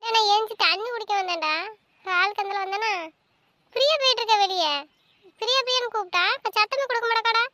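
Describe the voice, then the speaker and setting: An actress playing an anxious elder sister who frets aloud and calls out insistently. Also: female voice, very high voice, fast, pushed and bright. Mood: agitated. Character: anxious meddling elder sister, young woman. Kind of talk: family web-series drama acting.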